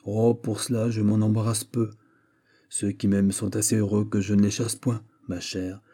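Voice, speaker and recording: A man's voice: fairly low pitch, level tone, moderate pace, mellow, close to an everyday voice. A man voicing a teasing, mocking young woman in an audiobook. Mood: playful. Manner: mocking, playful.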